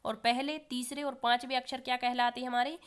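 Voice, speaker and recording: Smooth-voiced woman teaching exam prep. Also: sits high, little pitch movement, brisk. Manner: asks the class questions and answers them herself.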